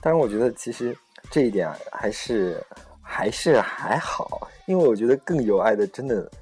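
Young male host, husky, hesitant, self-correcting, faint music bed. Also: mid-range voice, animated, moderate pace, darkish tone. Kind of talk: casual chat on a podcast-style program.

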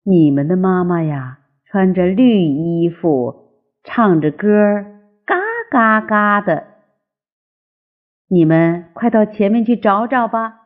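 A woman's voice: medium pitch, slow pace, lightly acted. An older woman voicing a friendly mother goose who patiently explains things to little ones. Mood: kindly. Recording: tinny phone-like lo-fi sound.

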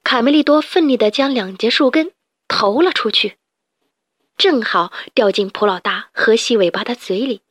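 A woman storyteller reading a children's story aloud with gentle, expressive narration. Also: a little high, normal speed, dry recording.

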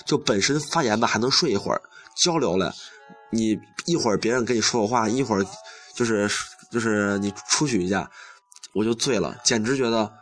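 A man's voice: fairly low pitch, fairly quick, soft background music. A young man hosting a campus radio show, telling a story in a chatty, self-mocking way and acting out the dialogue. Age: young adult. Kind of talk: casual monologue.

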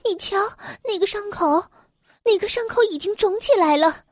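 A woman's voice: extremely high pitch, normal speed, no echo, clean studio sound, pitched above the performer's own voice. A woman voicing a timid little girl who speaks anxiously. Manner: anxious, soft.

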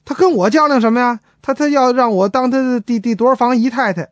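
A man's voice: extremely high pitch, fast talker, no room sound, clean studio sound, pitched above the performer's own voice. A man voicing a young, playful dragon daughter. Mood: upset.

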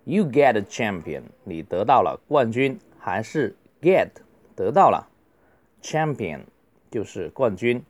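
Chinese guy teaching english drills, low voice, bouncy, touch. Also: sing-song, no echo. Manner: reads drills slowly, then explains. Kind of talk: beginner English lesson in Mandarin.

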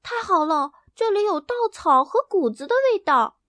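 A woman voicing a small, brave, excitable female chick in a bedtime story, with squeaky, high chirping exclamations. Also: slow pace, no echo, full character voice. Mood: excited chirping.

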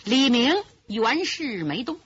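高亢生动的女评书艺人. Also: female voice, fairly high pitch, slow pace, slight background noise. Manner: lively, dramatic, vivid sound effects. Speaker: storyteller. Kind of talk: pingshu storytelling. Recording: lo-fi muffled recording.

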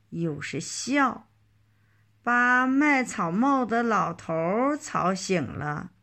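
Very slow woman reading a children's story. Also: medium pitch, fairly bright tone.

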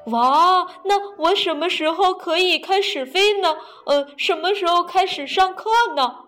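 A woman voicing a gullible young male frog in a children's storybook, with excited, squealing exclamations. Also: very high voice, a little slow, soft background music, voice pushed up.

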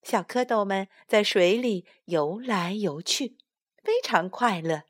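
A woman reading a children's story aloud to her child, expressive and unhurried. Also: medium pitch, breathy edge, dry recording, clean studio sound. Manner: expressive, slow storybook telling. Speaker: storyteller mother.

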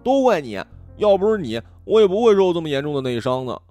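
A man voicing a petulant, sulky young city girl in a storybook reading, in a high, whiny put-on voice. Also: sing-song, quick pace, dry recording, soft background music. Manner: pouty and demanding.

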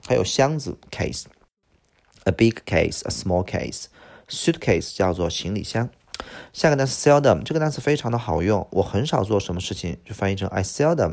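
A middle-aged male teacher working through an English vocabulary list with a low, gravelly voice. He stumbles over filler words and drags each new word out slowly, over and over. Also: a little mellow. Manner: lots of "这个" filler, drawn-out slow repeats of words. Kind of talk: vocabulary lesson.

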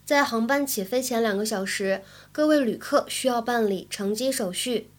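A woman teaching English in Chinese, explaining phrases with a clear, careful delivery. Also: on the high side, normal speed. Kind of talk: language lesson.

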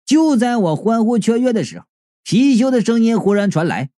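A male narrator reading a comic first-person audiobook with playful energy. His voice swings through a wide pitch range and has a soft, mellow tone. The recording is dry and close. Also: normal speed, no room sound. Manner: lively, playful, acts out dialogue.

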